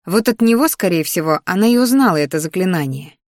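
A woman's voice: lowish voice, animated, fast, dry recording, clean studio sound, close to an everyday voice. A woman voicing a cheerful, bossy young female student roommate in a fantasy audiobook, talking eagerly and emphatically. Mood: lively, bossy.

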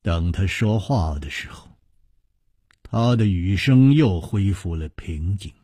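A man telling a martial-arts story in a broadcast storytelling style, drawing out his phrases with a lively rise and fall. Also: low voice, takes it slowly, breathy edge, dry recording, studio quality.

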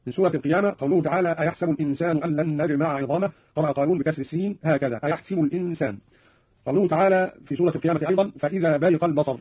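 A man with a slightly raised, husky voice reads formal notes on Quran recitation at a very fast pace. He enunciates each word clearly. The sound is dry and muffled, like an old radio broadcast. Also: on the high side, no room sound. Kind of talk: formal scripted explanation.

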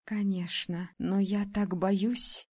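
A woman voicing a cheerful, pregnant young female friend in a read-aloud story, talking in a lively, teasing way. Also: medium pitch, slow pace, breathy edge. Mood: anxious.

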